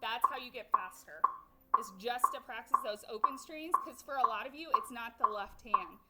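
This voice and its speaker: A woman's voice: fairly high pitch, moderate pace. A woman teaching a violin sectional, counting students in and singing the rhythms aloud. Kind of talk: group music class instruction. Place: music classroom with students playing. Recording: loud violin playing behind the voice. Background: violins playing loudly.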